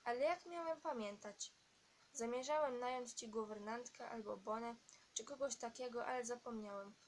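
A woman reading the part of a sad, sickly middle-aged man who speaks in a tired, gentle, distant way in a storybook recording. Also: a little high, normal speed, a little hiss or hum, lightly acted. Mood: weary. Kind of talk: audiobook character reading.

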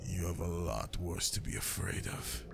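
Speaking directly to the listener in a whispered, improvised ASMR roleplay, a man voices a grieving vampire lord with cold menace. His deep voice comes in a breathy half-whisper, slow, deliberate and threatening, over loud, steady ambient noise.

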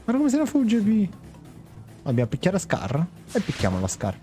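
Young male game streamer, mellow and fairly high voice, playful, slangy chat over game music. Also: wildly swooping pitch, normal speed. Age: young adult. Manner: playful, slangy, reads game dialogue aloud. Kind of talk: casual live game commentary, chat with viewers. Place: indoor room.

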